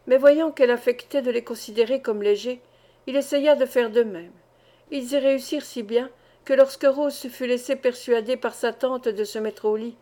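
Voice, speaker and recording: Woman audiobook narrator, slightly high voice, measured literary reading. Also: warm tone. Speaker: audiobook reader. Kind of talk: audiobook narration of a classic novel.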